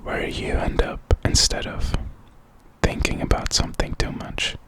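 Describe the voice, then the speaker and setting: Encouraging and reflective, this male ASMR creator delivers a pep talk entirely in a breathy, unvoiced whisper, never hurrying.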